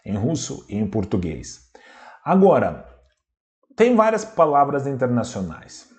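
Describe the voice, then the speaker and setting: Guy teaching a language class, really slow and careful, says each word twice to show how it sounds, keeps checking "right?". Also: medium pitch, huge pitch swings. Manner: slow, deliberate, repeats words to model pronunciation; asks rhetorical questions, often adds "né?". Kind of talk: online language lesson.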